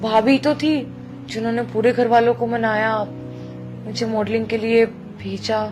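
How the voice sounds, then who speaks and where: A high-voiced young woman, as an actress plays her in a web drama, coaxing and apologetic, chattering on to her sister-in-law. Clear background score music plays behind her. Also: fairly even intonation, moderate pace, natural voice. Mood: pleading, apologetic. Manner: pleading, chatty, wheedling.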